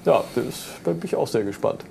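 A man's voice: mid-range voice, animated, quick pace, vocal fry, crowd noise. A man hosting a casual studio talk show, chatty and playful, with a lot of fillers.

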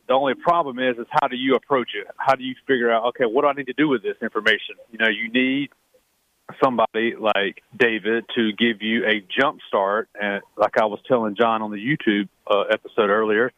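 A man's voice: medium pitch, brisk, no room sound. A man appearing as a guest on a sports betting radio show, talking in an earnest, persuasive way. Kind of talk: casual radio chat. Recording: tinny phone line.

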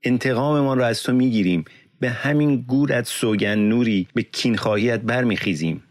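A man's voice: fairly low pitch, big pitch swings, voice pushed up. A man reading an audiobook, voicing a grieving widowed woman who cries out in defiant, raised pleas. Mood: anguished.

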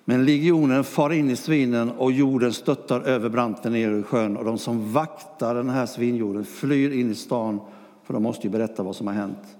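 A man preaching a sermon, retelling a story with lively questions and quiet asides. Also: medium pitch, in a large hall.

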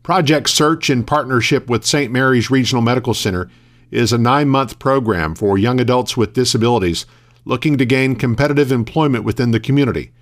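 Male local news anchor, mid-range voice, steady formal announcer read from a script. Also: medium pitch, a little fast.

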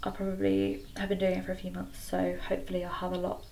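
A woman's voice: fairly low pitch, steady tone, fast, vocal fry, darkish tone. A nineteen-year-old woman chats casually and a little hesitantly as a solo podcast host, recorded in a small wooden shed. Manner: hesitant, self-effacing. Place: small wooden garden shed, slightly echoey. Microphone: computer recording. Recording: clicky home recording with background noise.

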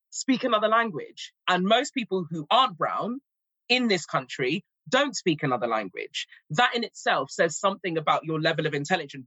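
A woman's voice: on the low side, a bit bright, slightly rough, no room sound, poor audio. A woman in her forties with a North London accent, a language teacher talking earnestly in a podcast conversation. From England. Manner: earnest, reflective, emphatic.

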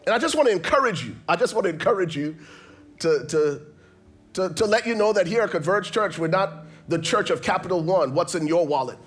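A man's voice: high voice, animated, brisk, a bit bright, soft background music. A man from Liberia, preaching a sermon as pastor, emphatic and rhythmic, often repeating phrases.

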